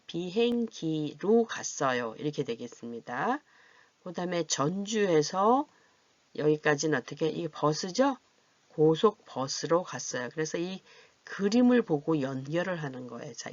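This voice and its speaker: Teacher for a beginner grammar lesson: gravelly, dry close sound, dull lo-fi recording, patient and repetitive. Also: medium pitch, no echo. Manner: patient, repeats each question and model answer. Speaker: Korean language teacher.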